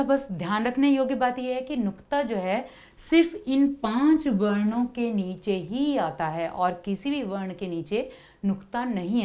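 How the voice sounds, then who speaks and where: A woman teaching young children, explaining slowly and patiently, repeating letter sounds and pausing on fillers. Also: mid-range voice, mellow. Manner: frequent hesitation fillers. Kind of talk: Hindi lesson for children.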